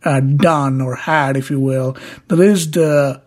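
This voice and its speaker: A man's voice: mid-range voice, steady tone, slow, a little mellow. A man with a non-native English accent hosts a casual interview, phrasing his questions in a hesitant, conversational way. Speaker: podcast host interviewer.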